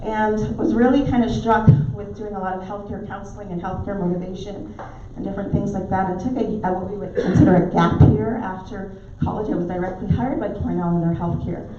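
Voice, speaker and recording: A middle-aged woman from Barbados speaks briskly in a mid-range voice with fairly even intonation and few pauses. She's a naturopathic doctor, guest speaker at a club meeting in a pub dining room, warmly telling stories with filler ums in a Barbadian accent softened by years in the US. The echoey, dull, distant recording carries a little hiss or hum.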